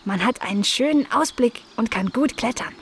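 A cheeky young kitten girl from a storybook, very high and squeaky, carefree and stubborn, as a woman puts her on. She sounds a little distant from the mic. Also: expressive, normal speed, slight background noise, close to an everyday voice. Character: cheeky young female spotted cat.

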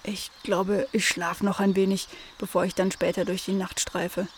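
A woman voicing a sleepy, polite male hedgehog in a children's story, talking slowly and drowsily. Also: flat delivery, a little hiss or hum, natural voice. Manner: slow, drowsy, low-key.

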